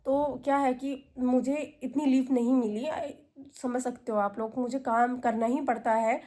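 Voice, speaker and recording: A woman's voice: high-pitched, fairly even intonation, a little slow, warm tone. A young woman. She chats to camera as a vlogger, telling a long story in a loose, conversational way. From India. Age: 20s. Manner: chatty, retells calls with quoted voices.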